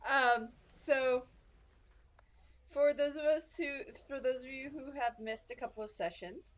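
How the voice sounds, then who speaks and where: A woman in her twenties recapping a tabletop game session as dungeon master, relaxed and halting with many pauses and restarts. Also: sits high. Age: 20s.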